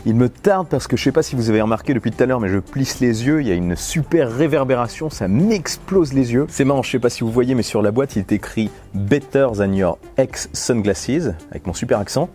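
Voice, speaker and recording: A tech vlogger with a French accent and a mid-range, slightly mellow voice chats through a casual unboxing outdoors beside a road, recorded on a lapel mic. He's playful and talkative, musing aloud as he goes.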